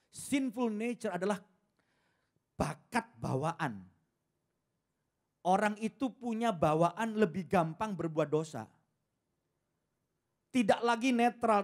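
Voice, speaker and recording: A man preaches in a high, bright-toned voice, building stories with lively swings and casual asides. His delivery keeps leaping up for emphasis, then drops low and quiet. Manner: animated storytelling, casual asides. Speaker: pastor. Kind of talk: sermon.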